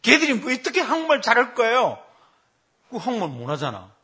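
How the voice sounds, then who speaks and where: A man voicing his young daughter as a protesting girl in a high, husky voice. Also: wildly swooping pitch, quick pace, pushed and bright, full character voice. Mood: indignant. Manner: high-pitched wailing protest.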